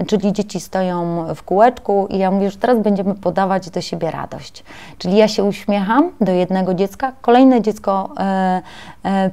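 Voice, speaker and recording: A woman presenting a webinar lecture to preschool teachers, often pausing with filler sounds as she explains her slides. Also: medium pitch, mellow, smooth.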